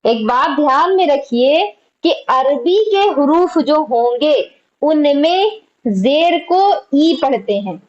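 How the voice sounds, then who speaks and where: A woman's voice: high-pitched, animated, slow pace, lo-fi sound. A woman teaching an online Urdu lesson, patiently explaining letters and quizzing her students.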